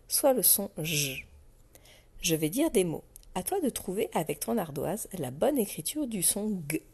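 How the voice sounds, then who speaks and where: Woman, primary teacher, slow patient delivery, dry close recording. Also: lowish voice, creaky, darkish tone, slightly rough, dry recording. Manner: slow, patient, addressing the child directly. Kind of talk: phonics lesson to a young child.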